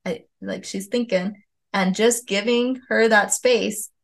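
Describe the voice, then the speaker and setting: A woman's voice: mid-range voice, steady tone, slow pace, vocal fry. A woman in her thirties hosting a parenting show, reflective and affirming as she chats and paraphrases back what she hears. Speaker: parenting podcast host and mother. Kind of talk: casual conversational interview.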